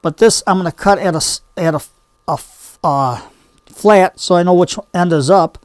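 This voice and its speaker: A man's voice: high voice, normal speed, no room sound, studio quality. An older man hosting a hobby gardening video, chatting casually in a homespun, rambling way as he demonstrates by hand. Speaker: bonsai hobby video host.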